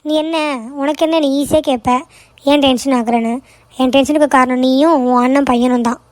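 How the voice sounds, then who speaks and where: Cartoon role: woman playing a young daughter, high voice, exasperated and snappy, dry close sound. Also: steady tone, brisk, no room sound, lightly acted. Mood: irritated. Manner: exasperated, complaining, argumentative. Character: young woman, frustrated, quick to snap. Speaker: daughter working in an office. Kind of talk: cartoon voice acting.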